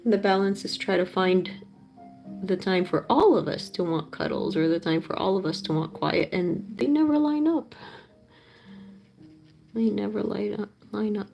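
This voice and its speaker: A bubbly woman in her thirties chats casually as she paints on a live stream, gushing over colors. Her voice is mellow with a gravelly edge. Soft music plays faintly behind her. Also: mid-range voice, animated, normal speed. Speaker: art streamer. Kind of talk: casual chat while painting.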